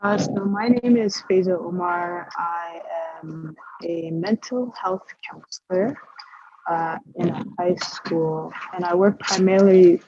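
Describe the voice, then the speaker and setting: A young woman chatting as a guest over a video call, relaxed, with plenty of fillers and sentences that fade off quietly. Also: fairly low pitch, takes it slowly, husky, muffled recording. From Canada. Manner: relaxed, trails off softly, many fillers. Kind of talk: casual interview chat.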